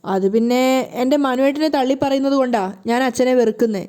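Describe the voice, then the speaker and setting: A woman's voice: high-pitched, fast talker, warm tone, close to an everyday voice. Woman reading as a caring young daughter.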